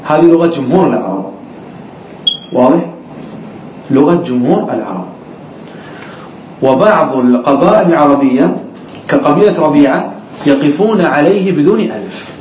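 A man's voice: a little high, lively intonation, moderate pace, pauses often, a little mellow, roomy sound, lo-fi sound, slight background noise. A man teaching an Arabic grammar class, who explains step by step, asks the students questions and repeats the key words.

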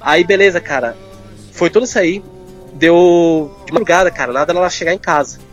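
A man's voice: a little high, dull audio, soft background music. A man, a guest talking candidly and informally, packing his speech with fillers. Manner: fast, informal, full of fillers like "cara". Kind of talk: candid personal conversation.

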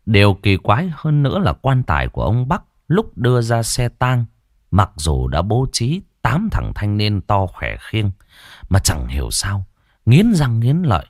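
A man narrating a ghost story dramatically, with long pauses. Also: lowish voice, wildly swooping pitch, no room sound, studio quality.

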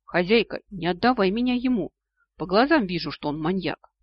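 Sentient blood, insolent and cheeky, raised husky tone, man reading, muffled dry audio. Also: sits high, lively intonation, a little fast. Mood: alarmed. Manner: mocking, insolent taunts. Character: snarky talking blood, female, rude and cheeky. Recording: dull lo-fi audio.

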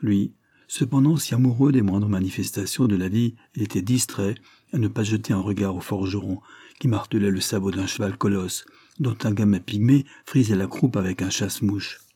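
Husky guy narrating a storybook, dry close sound, steady reading. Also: on the low side, normal speed, no room sound. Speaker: audiobook reader.

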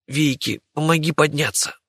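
A man's voice: fairly high pitch, normal speed, fairly bright tone, husky, no room sound, voice pushed up. An impatient, worn-out teenage boy, read by a man, speaks in a slightly raised, strained voice. The recording is close and dry. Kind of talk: audiobook character voice.

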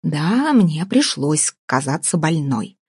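A woman reading an audiobook voices a domineering, sarcastic older businesswoman who talks slowly and deliberately, with a husky tone. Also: sits low, sing-song, a little mellow, no echo, clean studio sound, heavily acted. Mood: scheming. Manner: cutting, sarcastic, slow deliberate delivery.

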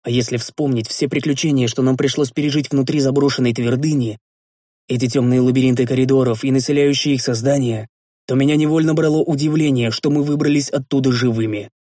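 A man narrating a first-person audiobook in an even, measured way. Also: medium pitch, no echo, clean studio sound.

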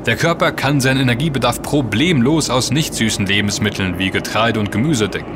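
With music playing in the background, a man speaks fairly quickly in a mid-range, natural voice. His role in the scripted audio drama is a knowledgeable, earnest friend who lays out explanations and issues emphatic warnings.

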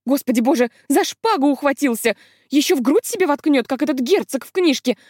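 A woman voicing a romantic, excitable young maid in a country pageant, chattering breathlessly with gasping exclamations. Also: sits high, a little fast, no room sound, clean studio sound, voice pushed up. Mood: excited, gossipy. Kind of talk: acted audiobook reading.

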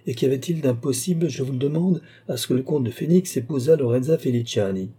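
A man voicing a frightened, imperious royal princess in a classic novel audiobook, speaking in sharp, agitated exclamations. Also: medium pitch, fast, breathy edge, pitched above the performer's own voice, close to an everyday voice. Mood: alarmed.

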